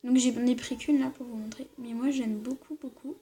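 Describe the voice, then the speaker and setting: A woman vlogger chatting casually to camera, excitable and gushing, with lots of fillers. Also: fairly high pitch, normal speed. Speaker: vlogger showing Christmas presents. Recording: noisy background hiss.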